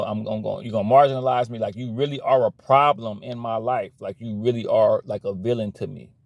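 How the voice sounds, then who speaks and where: A man's voice: medium pitch, no echo. A man giving a blunt, slangy motivational rant about cutting problem people out of your life, repeating himself as he preaches. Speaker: motivational vlogger.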